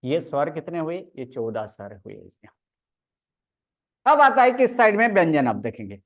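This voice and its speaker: A woman's voice: low-pitched, big pitch swings, normal speed. A woman teaching a grammar lecture, methodically counting aloud and drilling each sound one by one. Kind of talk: online lecture.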